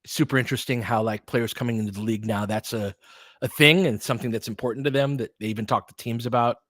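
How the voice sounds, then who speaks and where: Speaking fast in a steady, slightly bright medium-pitched voice, a male play-by-play commentator gives casual live basketball coverage and roots for the home side. The sound is close and dry, free of echo.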